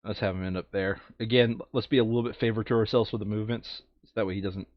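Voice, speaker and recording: A fast-talking man with a fairly low voice keeps a steady tone as he mutters counts and reasons aloud through moves in a casual board game chat. No echo is present, and the high frequencies are cut off.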